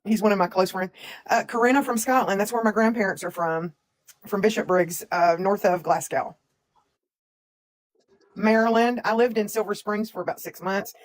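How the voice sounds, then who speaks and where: A woman's voice: medium pitch, moderate pace, pauses often. A woman, chatting casually as a livestream co-host and reading out where viewers are from. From Tennessee, USA. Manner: chatty, reads out viewer comments.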